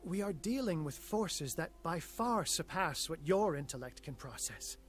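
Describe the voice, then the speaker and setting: An actor playing a haughty cryptic occultist. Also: male voice, on the high side, animated, lightly acted. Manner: haughty, measured, condescending. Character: aloof male occultist, scornful and cryptic. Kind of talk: video game voice acting. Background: game music.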